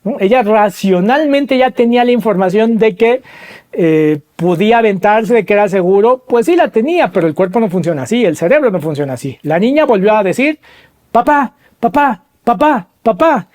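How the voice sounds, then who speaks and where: A man's voice: expressive, brisk, a little mellow. A man hosting a podcast, telling a story and asking the listeners rhetorical questions as he explains. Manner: acts out quoted voices with pitch jumps. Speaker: podcast host.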